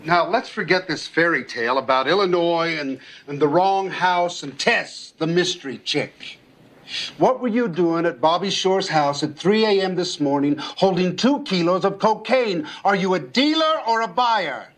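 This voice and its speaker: A man's voice: high voice, expressive, normal speed. A man playing a tough, exasperated police interrogator in a TV drama, blunt, sarcastic and pressing.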